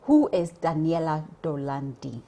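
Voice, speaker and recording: A woman hosts a studio interview program. Her voice sits very low with a gravelly edge. She talks effusively and enthusiastically, filling gaps with ums. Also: unhurried, mellow. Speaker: TV show host.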